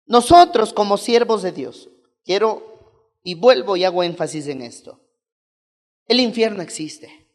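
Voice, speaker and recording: A woman preaching a sermon, emphatic, repeating key words and calling on the congregation. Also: medium pitch. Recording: long reverb of a hall.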